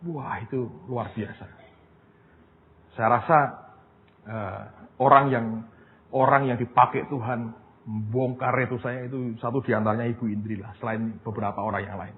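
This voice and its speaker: A man preaching a sermon as pastor, telling stories in a lively way and often turning to his listeners as brothers and sisters. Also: medium pitch, moderate pace, pauses often. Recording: tinny phone-like sound, long hall reverb, faint noise.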